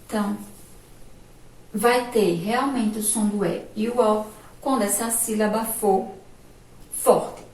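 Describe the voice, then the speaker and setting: Slow, patient woman teacher, echoey room. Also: medium pitch, steady tone, a little mellow, far from the mic. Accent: Sergipe Brazilian Portuguese. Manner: slow, patient, asks checking questions. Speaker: primary school teacher. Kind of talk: remote spelling lesson for young children.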